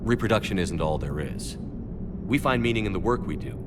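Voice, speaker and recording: A man playing a steady, earnest starship commander in a video game, speaking in a measured, resolute way. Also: low voice. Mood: earnest, reassuring. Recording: heavy vehicle-like ambient noise behind.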